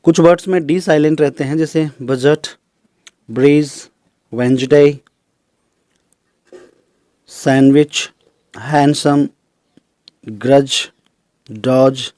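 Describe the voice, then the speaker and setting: A man teaching English pronunciation in a recorded lesson, explaining slowly and listing example words one by one. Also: on the high side, a little mellow, no room sound. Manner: explains slowly, repeats terms in Hindi and English.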